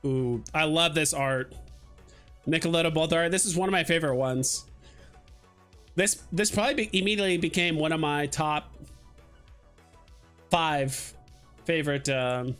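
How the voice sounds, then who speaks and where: A man's voice: a little high, normal speed, pauses often, soft background music. A young man hosting a casual livestream, talking in a loose, rambling way with lots of "like" and "um". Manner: rambling, relaxed, lots of fillers like "like" and "um". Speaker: livestream host.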